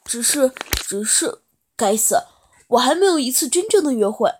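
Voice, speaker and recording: A woman's voice: sits high, sing-song, normal speed, a little mellow, a little hiss or hum. Woman voicing a shy stammering teenage boy. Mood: nervous, pleading. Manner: stammering, nervous.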